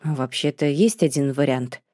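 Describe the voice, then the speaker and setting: A woman's voice: rumbling low, unhurried, dark tone, no room sound, pitched below the performer's own voice. A woman voicing a laid-back, sarcastic young man in an audiobook, speaking in a dry, teasing way.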